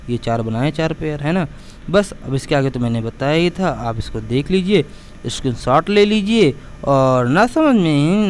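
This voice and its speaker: Math teacher guy, slightly high voice, goes over steps again and again, bit of street noise. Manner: patient, repetitive, addresses students as beta. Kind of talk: explaining math lesson to students.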